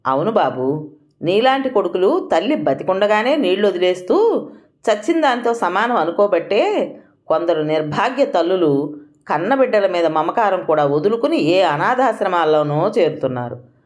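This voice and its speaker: A dignified elderly mother answers her son firmly and sternly, as a woman reading a storybook puts her on. Her voice sits fairly low and moves in lively rises and falls. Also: normal speed. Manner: firm, stern.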